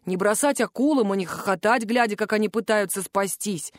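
Woman voicing a booming troll cook. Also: a little fast, dry recording, clean studio sound, natural voice. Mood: gruff teasing. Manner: rumbling, teasing. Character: huge male troll ship's cook, booming bass, gruff but caring.

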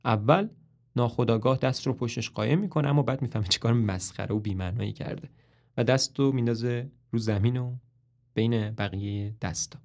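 Man narrating a play in measured tones. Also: medium pitch, darkish tone. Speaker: podcast narrator.

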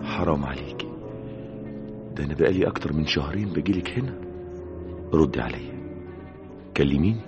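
A lovesick young man in an old Egyptian radio play, pleading with tender intensity. His voice is very deep yet swoops widely, with music clearly audible behind him. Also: lively intonation, fairly quick, long pauses, dull audio. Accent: Egyptian Arabic. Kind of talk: 1960s Egyptian radio drama acting.

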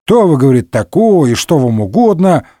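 A man's voice: a little high, very animated, fairly quick, mellow, no room sound, studio quality. Milady, a man doing a coy, scheming noblewoman. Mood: haughty. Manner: coy, wheedling.

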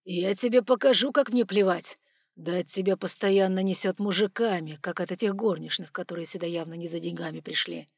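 A woman's voice: mid-range voice, a little slow, slightly rough, no room sound, clean studio sound. A woman voicing a furious male dragon guard. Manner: loud, clipped, speaks through gritted teeth. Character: stern male dragon bodyguard, furious, commanding. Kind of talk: audiobook character voice.

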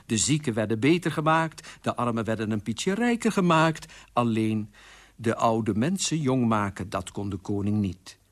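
A man reading a fairy tale aloud on radio with lively, expressive storytelling. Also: medium pitch, normal speed.

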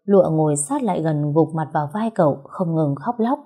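Woman narrating a story in a dark, husky voice. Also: sits low, animated, a little fast.

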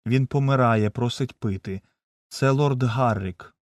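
A man voicing a desperate man begging for water, hushed and slow. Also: mid-range voice, dry recording, clean studio sound, lightly acted. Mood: pleading. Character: desperate man seeking water for dying lord.

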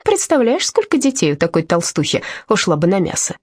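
A woman's voice: medium pitch, huge pitch swings, a little fast, no echo, clean studio sound. A woman voicing a cheeky, scheming orphan boy who teases and whispers conspiratorially in an audiobook. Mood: sinister.

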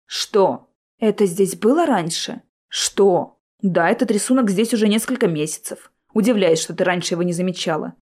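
A woman voicing a young male ghost-hunter leader in brisk audiobook dialogue, close to her own voice. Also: medium pitch, a little mellow, close to an everyday voice.

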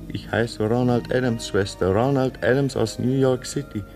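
A mid-range, darkish, natural man's voice plays a character in a radio play, with faint music behind him. The role is an anxious driver of 36, in his thirties, afraid of madness, and the actor rushes through his lines urgently, begging to be believed that he isn't mad.

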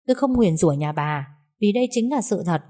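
A woman voicing a sharp-tongued, defiant young daughter-in-law in an audiobook story. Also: mid-range voice, animated, a little fast, lightly acted. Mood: defiant scorn. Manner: cutting, defiant.

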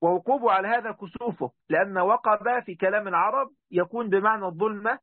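A man's voice: high voice, quick pace, no echo, narrow, tinny audio. A man with an Egyptian accent teaching an online class as a sheikh, reading passages aloud and explaining them in a chatty way, talking straight to his students. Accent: Egyptian Arabic. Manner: chatty, talks straight to his students, breaks off mid-word.

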